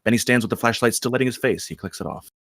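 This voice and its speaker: Reading screenplay stage directions aloud, this medium-pitched male narrator voices scene headings and action with a fairly bright tone. He stresses phrases for deliberate dramatic effect, and the recording is dry with no room sound at all.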